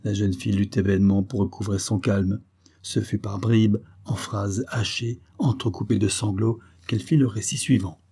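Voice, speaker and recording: A man narrating a detective story in a steady, measured storytelling manner. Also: on the low side, husky. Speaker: audiobook narrator.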